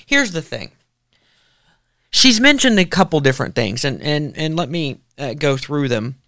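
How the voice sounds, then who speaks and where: A man with a fairly high, very lively voice, hosting a talk show with casual political commentary. He jokes and mocks freely, recorded close and dry. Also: creaky, dry recording. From American South. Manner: animated, joking, quick to mock.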